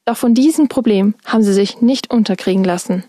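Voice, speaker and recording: A young woman student reporter reading a scripted radio feature in a clear, measured way. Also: medium pitch, mellow, dry recording, studio quality. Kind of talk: scripted narration.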